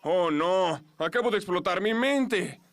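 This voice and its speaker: A man voicing a good-natured, oafish sidekick creature in a cartoon, slow-witted and earnest. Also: sits high, animated, fairly bright tone. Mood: dumbfounded.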